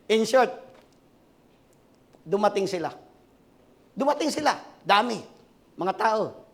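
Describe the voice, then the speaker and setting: A man in his sixties preaching a sermon as pastor, swinging from shouted climaxes to quiet asides and asking the congregation for responses. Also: high voice, lively intonation, takes it slowly, vocal fry. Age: 60s.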